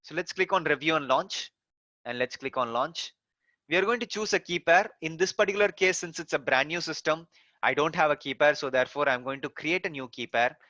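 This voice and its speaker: A man gives a screen-recorded technical lesson, explaining each step with frequent "so" and "uh" fillers. His voice is bright and forceful, recorded dry and close with a slightly dull, muffled tone. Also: fairly high pitch, a little fast, dry recording. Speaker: course instructor.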